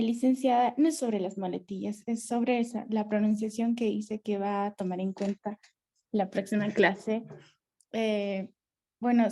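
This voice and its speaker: A woman's voice: mid-range voice, dark tone. A woman student asking her teacher a question, hesitant and thinking aloud as she talks. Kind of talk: classroom question.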